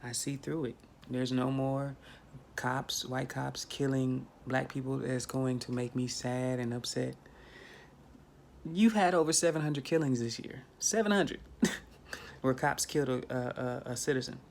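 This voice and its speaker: A thirtysomething spiritual vlogger, filming himself on a phone camera at arm's length in a small bedroom, speaks at a measured pace in a medium-pitched voice with vocal fry. He's casual yet preachy and emphatic, repeating things for effect, over slight background noise.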